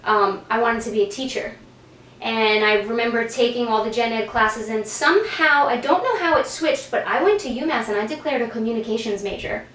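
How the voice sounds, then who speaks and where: Woman, from New Jersey, forties, candid and relaxed, fairly high voice, far from mic. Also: brisk, slight background noise. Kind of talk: casual chat. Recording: roomy distant mic.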